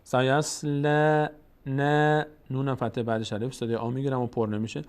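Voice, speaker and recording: Male recitation teacher, Tajik-influenced Persian accent, middle pitch; quick rule explanations alternating with slow, stretched example words. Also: darkish tone. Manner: explains rules quickly, then draws out example words slowly.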